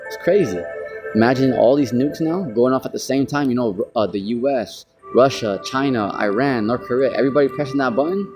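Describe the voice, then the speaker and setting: Over music, an American street preacher teaches from the Bible in a loose, meandering way, often dropping in "you know." His voice sits in the mid range and moves briskly.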